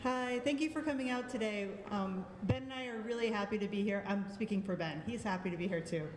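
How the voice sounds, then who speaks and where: An art show juror with a Boston accent gives a friendly, thoughtful live critique of art pieces, saying um frequently. Her voice is medium-pitched and brisk. The echoey hall adds long reverb, and there's slight background noise.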